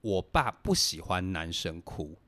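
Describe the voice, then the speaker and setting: A young man telling personal stories on a casual podcast, animated and laughing as he talks. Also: low voice, measured pace. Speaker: podcast host. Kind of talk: casual storytelling chat.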